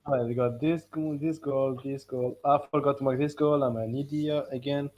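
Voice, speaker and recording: A man's voice: medium pitch, fairly even intonation, moderate pace. A man playing a game on stream, chatting casually and cursing at his own mistakes. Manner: swears at his own mistakes, self-mocking. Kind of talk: casual gaming chat. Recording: dull lo-fi stream audio with game music.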